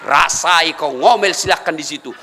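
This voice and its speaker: A preacher playing a fed-up mocking husband. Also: male voice, on the high side, normal speed, creaky, pushed and bright, pitched below the performer's own voice. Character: fed-up husband taunting his nagging wife. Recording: echoey hall.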